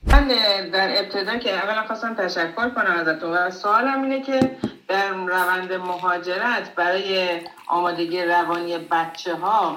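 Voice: medium pitch, sharp tone. A caller politely and formally asking a question in a careful manner. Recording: echoey, distant, faint noise.

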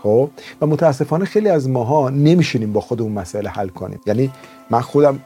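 A man giving a motivational talk as a self-help teacher, telling stories with emphatic, drawn-out stresses and quick bursts. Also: medium pitch, warm tone, soft background music. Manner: storytelling, emphatic, shifts between slow stresses and quick bursts.

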